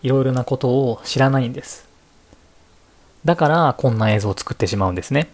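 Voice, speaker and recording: Husky-voiced Japanese podcast host. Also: male voice, mid-range voice, expressive. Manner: unhurried, chatty, switching between English and Japanese. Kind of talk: casual solo podcast talk.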